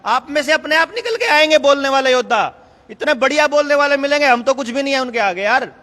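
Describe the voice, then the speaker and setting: High, bright-voiced man rallying a meeting. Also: in a large hall. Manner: emphatic, conversational, laughs often. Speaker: speaker addressing a political meeting. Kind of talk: rousing speech to a meeting. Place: meeting hall.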